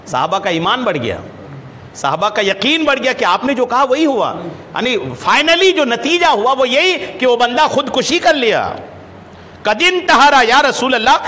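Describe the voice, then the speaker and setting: A man preaching a hadith lesson, who chants the Arabic text slowly, then explains it with rhetorical questions and repeated phrases. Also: on the high side, fairly bright tone. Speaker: religious scholar and preacher. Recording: long hall reverb, faint background noise.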